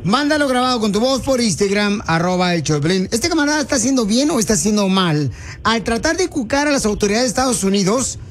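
A man's voice: sits high, lively intonation, quick pace. A man hosting a call-in radio show, brash and teasing, trading insults with a caller. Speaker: radio host.

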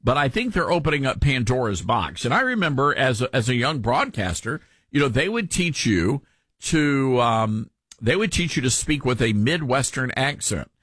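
A male talk radio host with a mild Southern American accent and a husky voice. His delivery is folksy and animated, with pitch that moves around a lot. The sound is dry and close, like a studio. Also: moderate pace, dry recording. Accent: mellowed Southern American. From Southern US, Tennessee. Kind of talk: conversational talk radio commentary.

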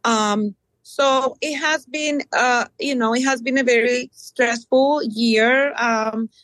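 A bilingual middle school teacher from Puerto Rico, a middle-aged woman, answers interview questions earnestly, pausing often and saying "um" a lot. Her voice sits a little high and stays steady, with a fairly bright tone. The audio is poor, though there's no echo.

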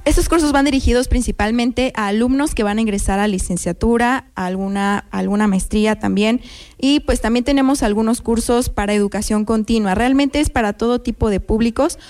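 A Mexican woman with a fairly high voice speaks as a radio guest, promoting a university program in an upbeat way. She lays out details clearly and repeats them for listeners. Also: a little fast, a little mellow. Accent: Mexican Spanish. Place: radio studio.

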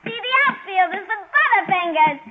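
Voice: extremely high pitch, expressive, a little fast. An actor playing a tiny, brash, wisecracking middle-aged man in an old radio comedy-drama. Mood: barking showman. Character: tiny cocky fifty-four-year-old man, wisecracking carnival barker type. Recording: muffled, noisy old radio broadcast.

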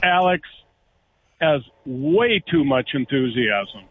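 A man's voice: medium pitch, expressive, slow pace. A man calling in to a radio show, mocking and exasperated. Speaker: caller. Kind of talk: call-in radio banter. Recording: dull lo-fi phone line with faint noise.

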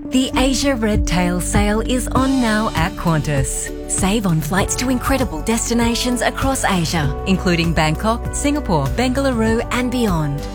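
A woman's voice: on the high side, expressive, normal speed, few pauses, over music. A woman reading a polished, scripted advertisement as an announcer. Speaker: commercial announcer.

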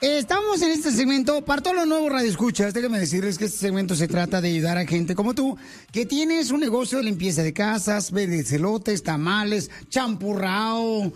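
A man hosting a lively radio talk show, animated and playful, calling his guest pet names. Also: high-pitched, moderate pace, soft background music.

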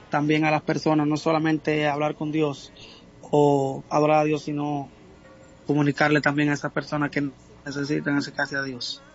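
Dominican male guest, halting speech, higher register, dull lo-fi recording. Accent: Dominican Spanish. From Dominican Republic. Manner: halting, many filler sounds. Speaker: guest singer. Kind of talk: casual interview.

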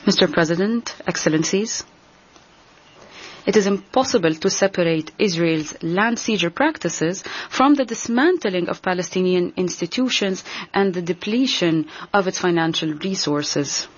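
A woman giving a translation voice-over as an interpreter, rendering a formal speech in a measured, deliberate way. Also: on the low side, expressive, dull audio, slight background noise. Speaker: simultaneous interpreter.

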